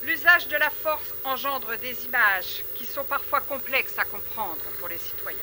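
A woman's voice: sits high, lively intonation, unhurried, sharp tone, slight background noise, full character voice, rough recording. An actress playing a stern, unbending government spokeswoman making formal statements in pompous officialese for a radio play. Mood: stern, defensive.

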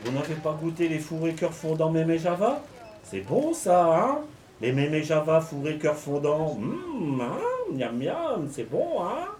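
An actress playing a pushy, nosy supermarket cashier in a radio comedy, badgering and overfamiliar. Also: female voice, low-pitched, sing-song, unhurried, darkish tone. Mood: pushy, coaxing. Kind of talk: radio comedy drama acting. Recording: echoey room.

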